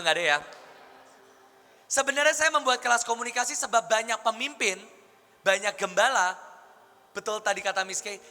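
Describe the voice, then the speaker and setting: Bright-voiced male pastor in an echoing hall. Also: high voice. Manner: lively, conversational preaching with rhetorical questions. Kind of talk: sermon teaching. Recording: long hall reverb with faint music.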